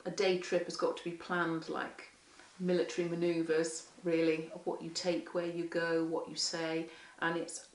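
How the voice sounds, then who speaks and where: A hoarse woman, a parent carer, tells her story frankly in a fairly low voice. She sits back from the microphone, so the room rings around her. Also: monotone, a little slow, few pauses. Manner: frank, candid storytelling that acts out quoted speech. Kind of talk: interview testimony. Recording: echoey room, mic far off.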